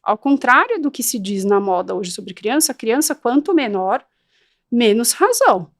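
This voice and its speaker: A woman, a guest in a podcast interview, speaking firmly and directly and acting out parents and children. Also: a little high. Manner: animated, acts out parents and children in quick voices; firm and direct.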